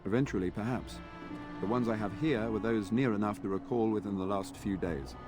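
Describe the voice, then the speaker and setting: Man voicing a knight, formal courtly speech, dutiful, weary, lowish voice, faint music behind. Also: a little fast, natural voice. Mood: solemn. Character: earnest knight sworn to a noble lord, weary and dutiful. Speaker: game character. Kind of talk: video game voice acting.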